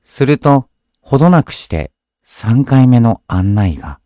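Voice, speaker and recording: A man reading a scripted horror story aloud as a narrator, in a measured, deliberate storytelling delivery. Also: mid-range voice, very animated, warm tone, no echo, clean studio sound.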